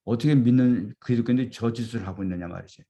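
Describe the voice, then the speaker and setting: A man's voice: mid-range voice, fast, dark tone. A middle-aged man, a pastor, earnestly retelling martyr stories in a sermon. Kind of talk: storytelling sermon.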